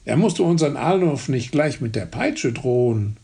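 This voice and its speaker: A man voicing a hot-headed young peasant with a raspy voice, speaking in loud, snarling outbursts. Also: medium pitch, animated, normal speed, voice pushed up. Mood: angry.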